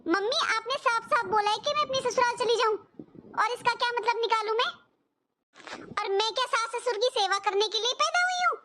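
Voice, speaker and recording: A woman voicing a quick-tempered young married daughter in a cartoon who argues defensively with her mother. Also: very high-pitched, animated, very noisy. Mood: indignant. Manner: indignant, defensive. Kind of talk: cartoon voice acting.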